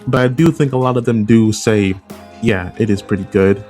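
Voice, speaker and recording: Over background music, a video essay host talks through his opinions casually, frequently restating what he means. His voice sits on the low side with a darkish tone, and he speaks at a normal speed.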